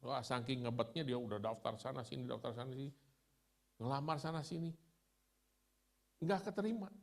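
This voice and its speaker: A man's voice: mid-range voice, normal speed, creaky. A middle-aged man from Indonesia giving a conversational sermon with chatty personal stories. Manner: storytelling, chatty, laughs at himself.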